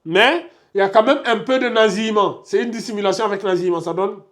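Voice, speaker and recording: A man's voice: high-pitched, quick pace, fairly bright tone. A man teaching a class in a classroom, patiently repeating examples and drawing out each sound as he demonstrates it. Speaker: Quran recitation teacher. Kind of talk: classroom lesson. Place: classroom with a board.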